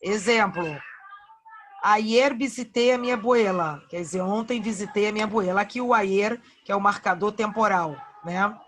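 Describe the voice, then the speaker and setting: A woman's voice: mid-range voice, normal speed, a little hiss or hum. A woman teacher with a Brazilian Portuguese accent giving an online grammar lesson, patiently repeating verb forms and checking in with her students.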